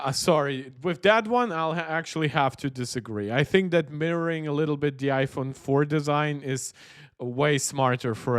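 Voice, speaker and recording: A tech channel host with a medium-pitched voice runs a livestream, chatting with viewers and offering opinionated reactions in a conversational way. The sound is clean studio audio with no room sound.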